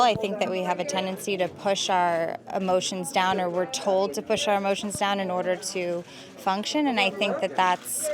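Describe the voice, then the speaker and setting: A woman answering in a red carpet interview, reflective and a little halting. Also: on the low side. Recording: crowd chatter behind the voice. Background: event crowd.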